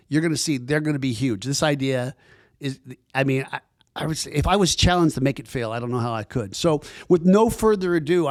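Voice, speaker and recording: Rambling enthusiastic man, a bit high-pitched. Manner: rambling and enthusiastic, many restarts. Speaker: podcast host. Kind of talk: casual chat, introducing a guest.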